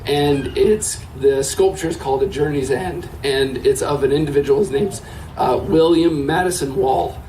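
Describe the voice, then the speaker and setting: A man with a hoarse, worn-out voice gives an informal speech to a gathering. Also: medium pitch, moderate pace, dark tone, recorded from a distance. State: hoarse, lost his voice. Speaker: donor speaker. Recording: echoey, noisy, picked up from afar.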